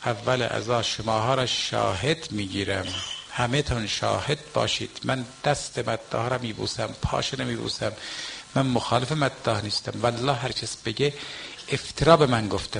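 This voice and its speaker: An older male cleric delivers a mourning sermon in a gravelly voice, with a faint ambient hum behind him. He is emphatic, dropping to quiet asides and then lifting into raised exhortation. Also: mid-range voice. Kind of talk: Muharram mourning-night sermon.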